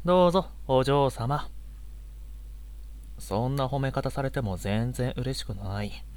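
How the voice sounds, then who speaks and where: A man playing a gentle, easily exasperated young male unicorn in an audio drama role-play, with a polite, boyish, flustered manner. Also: medium pitch, a little slow, close to an everyday voice. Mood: resigned, weary.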